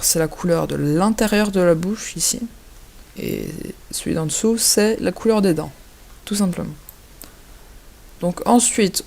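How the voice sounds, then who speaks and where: A man giving a casual, hesitant software tutorial over a screen recording, filling his pauses with little interjections. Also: on the high side, creaky. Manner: hesitant, chatty, fills pauses with "hop" and "voilà".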